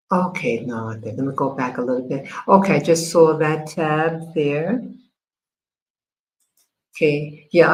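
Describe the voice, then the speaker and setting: An American woman with a low voice hosts a casual livestream. She talks slowly and haltingly, stopping and restarting as she sorts out her screen. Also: rough recording. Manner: halting, many fillers and restarts while working the screen. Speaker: livestream host.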